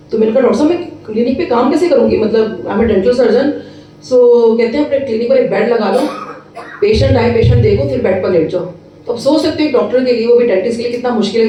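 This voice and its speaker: A middle-aged woman, a dentist, telling a devotional testimony in a lively storytelling way, acting out the voices she quotes and slipping in English phrases. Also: a little high. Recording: echoey room, mic at a distance.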